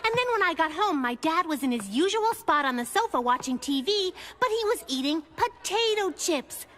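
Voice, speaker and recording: A woman's voice: very high-pitched, very animated, moderate pace, some chatter behind, exaggerated voice. A woman voicing Little Lulu, a clever and bossy little girl in a cartoon who talks in a sly, confident, cheeky way. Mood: chatty. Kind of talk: cartoon voice acting. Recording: studio voice over loud cartoon music.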